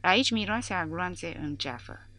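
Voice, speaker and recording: A woman's voice: lowish voice, animated, sharp tone, voice pushed up. A woman reading the part of a weary older male soldier who leads his group, terse and grim.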